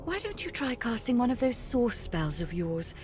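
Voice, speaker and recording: Over soft background music, a woman voices a smug, condescending female magister running a prison ship in a video game, a jailer who teases and patronises with mock sweetness. Her voice is on the high side, darkish in tone, very animated, at a moderate pace.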